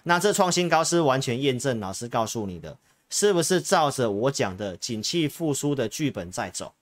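A man's voice: mid-range voice, very animated, moderate pace, dry recording. A man with a Taiwanese Mandarin accent presents stock market analysis as an advisory host. He speaks straight to his viewers, stressing and repeating key points. The sound is dry, with very little room in it. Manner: emphatic, repetitive, addresses viewers directly. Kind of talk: stock market commentary to camera.

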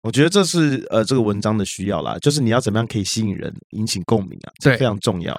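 A man's voice: lowish voice, sing-song, fast talker, dry recording. A man co-hosting a podcast in casual chat, teasing his partner and laughing easily. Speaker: podcast co-host.

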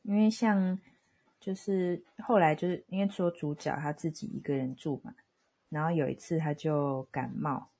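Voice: mid-range voice, fairly even intonation, moderate pace, creaky, dark tone. Reflective podcast co-host over a telephone line. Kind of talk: casual conversational discussion of a comic. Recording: recorded over a phone call.

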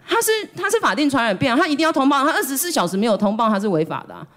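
A woman's voice: sits high, very animated, rapid-fire, a bit bright. Woman, Taiwanese Mandarin accent, podcast host, casual storytelling, acts out voices.

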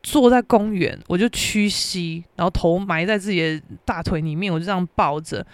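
A young woman with a Taiwanese Mandarin accent, hosting a podcast and telling a story in an animated, exasperated way. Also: on the low side, moderate pace, dry recording. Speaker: podcast host. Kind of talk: casual storytelling.

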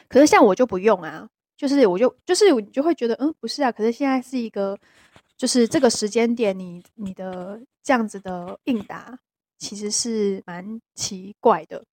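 A woman with a Taiwanese Mandarin accent, co-hosting a podcast in casual chat, talking hesitantly with many restarts and a soft voice that trails off. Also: fairly high pitch, moderate pace, no room sound. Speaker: podcast co-host.

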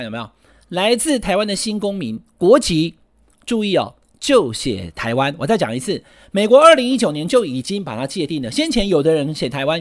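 A middle-aged man with a Taiwanese Mandarin accent giving political commentary, emphatic and full of rhetorical questions. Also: fairly high pitch.

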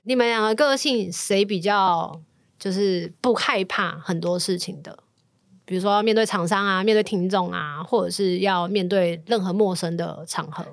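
A woman host leads a relaxed interview at a mid pitch, often chiming in with quick affirmations as her guests talk. Her voice is recorded close and dry. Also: dry recording. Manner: attentive, frequent short affirmations. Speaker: podcast host. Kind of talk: casual interview.

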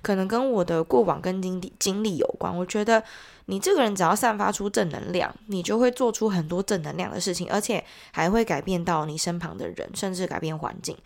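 A podcast host and entrepreneur chats casually in a solo audio diary, her Taiwanese-accented voice nasal and congested from a heavy cold. She speaks on the low side, a little fast, with vocal fry.

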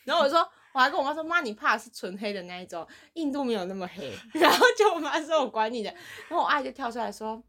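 A young woman chats on a podcast, telling stories with lots of laughter. Her voice sits fairly high and swings up and down a lot. She talks quickly. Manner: animated storyteller, laughs often. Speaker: podcast co-host. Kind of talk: casual chat.

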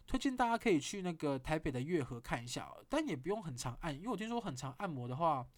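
A man with a Taiwanese Mandarin accent hosting a podcast, telling a story in a casual monologue with animated delivery and blunt swearing. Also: on the high side, fast. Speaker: podcast host.

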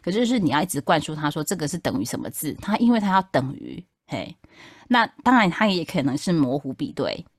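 A woman's voice: deep voice, big pitch swings, fairly quick, no room sound, clean studio sound. A woman from Taipei with a Taiwanese accent, explaining things in casual podcast chat and checking that the listener follows. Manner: explanatory, checks understanding with tag questions. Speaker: podcast guest explaining technology.

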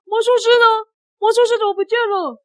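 A woman's voice: extremely high pitch, fairly even intonation, fairly quick, no echo, pitched above the performer's own voice. A woman voicing an angry, bossy male show owner who blusters and accuses in a storytelling game. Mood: angry accusing.

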